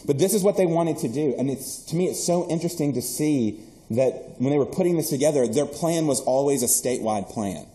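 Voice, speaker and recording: A man from the US South, an archivist giving an animated, earnest keynote lecture with joking asides in a university hall. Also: on the high side, fairly quick.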